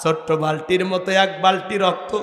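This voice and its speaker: A man's voice: sits high, level tone, a little fast, a bit bright, faint music behind. A male Islamic preacher, telling a tearful story in a melodic, chanted sermon style. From Bangladesh. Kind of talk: emotional sung sermon. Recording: echoey hall, long reverb.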